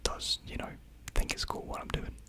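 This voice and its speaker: In a relaxed ASMR chat, a young adult answers viewer comments in a breathy whisper right up against the microphone. The delivery comes at a moderate pace, halting and wandering, with plenty of self-deprecation.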